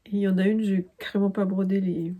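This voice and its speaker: A woman's voice: mid-range voice, little pitch movement, quick pace, warm tone. A woman from France talking casually in a crafting vlog, hesitant with many fillers and restarts. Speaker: crafting vlogger. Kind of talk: casual chat.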